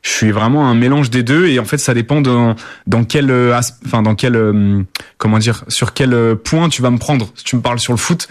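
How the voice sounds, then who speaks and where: Speaking at a moderate pace in a medium-pitched voice, a young man from the Paris suburbs answers questions as a guest rapper. His replies are casual, full of fillers and restarts, captured in clean studio sound without echo.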